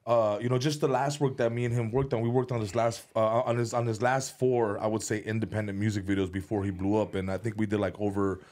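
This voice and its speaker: Fast, with hardly any pauses, this man's lowish, darkish voice keeps a steady tone. He's a US comedian and music video director on a podcast, rambling through casual chat with lots of restarts and repeated words, cursing freely along the way.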